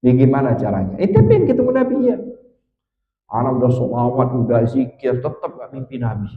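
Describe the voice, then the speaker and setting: A man's voice: medium pitch, sing-song, brisk, reverberant, far from the mic, phone-quality sound, natural voice. A man playing an earnest, pleading young seeker.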